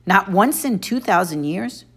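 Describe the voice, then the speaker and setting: A woman's voice: mid-range voice, expressive, a little slow, pitched above the performer's own voice. A woman voicing a wry teenage boy hero who asks blunt questions. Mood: amazed.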